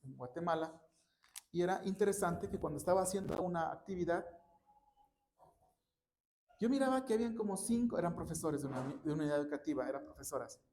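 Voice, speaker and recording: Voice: medium pitch, lively intonation, quick pace, long pauses, a little mellow, a little hiss or hum. A preacher giving a conversational sermon in a church, teaching with many rhetorical check-in questions and personal anecdotes. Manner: recounts personal workshop anecdotes.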